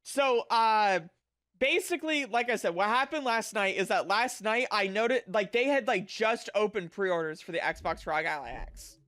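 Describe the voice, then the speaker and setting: A livestreamer chatting casually with viewers in a cute anime-streamer manner, animated and sweary, with bubbly delivery. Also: medium pitch, moderate pace.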